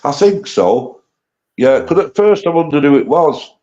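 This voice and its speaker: A man's voice: a little high, animated, unhurried, mellow. A man in his late fifties chatting casually on a livestream, blunt and sweary, rambling through his banter. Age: 50s. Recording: dull lo-fi stream audio.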